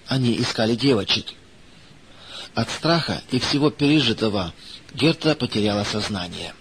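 Man, children's story narrator, measured gentle delivery, mid-pitched voice, faint hiss. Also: rough recording.

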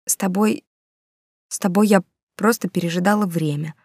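A woman voicing a guilty young woman who speaks softly and haltingly, close to tears, apologizing as she leaves. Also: lowish voice, fairly even intonation, no room sound. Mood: tearful, soft. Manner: soft, halting, apologetic, near whisper. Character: young woman, guilty, tearful, leaving her lover.

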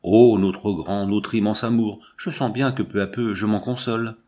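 A man's voice: lowish voice, steady tone, normal speed, dark tone, lightly acted. A man reading the part of an anguished woman who laments aging and death, in a mournful, impassioned recitation. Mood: sorrowful.

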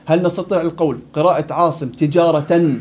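A man's voice: high voice, expressive, brisk. A man teaching a recitation class, asking students questions and quoting verses. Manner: questioning, explains with examples and quoted verses. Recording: dull lo-fi classroom recording.

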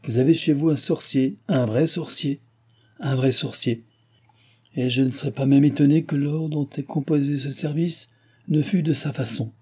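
A man's voice: fairly high pitch, fairly even intonation, moderate pace, warm tone, breathy edge, pitched above the performer's own voice. A man voicing an earnest, insistent elderly baron, pleading emphatically, read as an audiobook figure.

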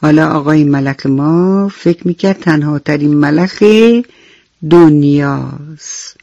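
A man narrating a bedtime story for children on the radio, speaking gently and often turning to ask his young listeners questions. His voice sits a little high with a gravelly grain. The studio sound is dry and a bit muffled, with soft music underneath. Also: no room sound.

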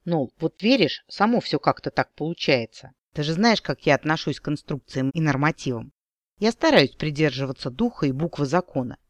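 A man's voice: a little high, lively intonation, normal speed, no echo, close to an everyday voice. A man voicing a reckless, wry elf man who was once an army scout, talking in a dry, laconic way. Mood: earnest.

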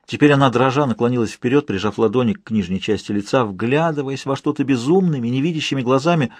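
A man tells a first-person story in a steady, measured way. His voice sits at an ordinary pitch with a husky, slightly breathy grain. The recording is close and dry. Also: dry recording. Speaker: audiobook narrator. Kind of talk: first-person audiobook narration.

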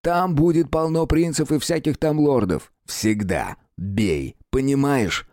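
A man voicing a blunt, gruff male fight master who scolds his pupil. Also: on the high side, normal speed, dark tone, no echo, studio quality, voice pushed up, lightly acted.

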